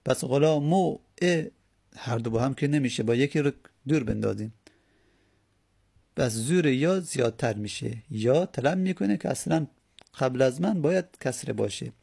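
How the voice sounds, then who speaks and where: A man with a gravelly, creaky voice gives a grammar lesson. He explains each point patiently, often posing a question and then answering it himself. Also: mid-range voice, lively intonation, darkish tone. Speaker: teacher of Arabic grammar.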